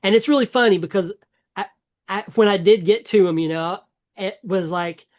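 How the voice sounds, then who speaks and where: A man's voice: high-pitched, moderate pace. A man co-hosting a casual gaming podcast, talking in an enthusiastic, rambling way with many fillers and restarts. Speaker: podcast co-host.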